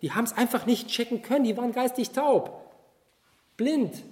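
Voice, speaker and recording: A high-pitched man preaches in a roomy, echoing space. He speaks animatedly, swinging between loud emphasis and quiet asides. He keeps turning to his listeners with direct questions. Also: animated, moderate pace. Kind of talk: sermon at a youth Easter retreat.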